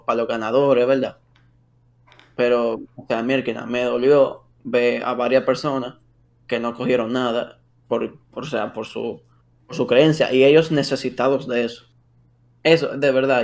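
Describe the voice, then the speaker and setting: A man's voice: mid-range voice, gravelly, darkish tone. A young man with a Dominican accent talking casually with friends, full of slang and tag questions. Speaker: podcast co-host.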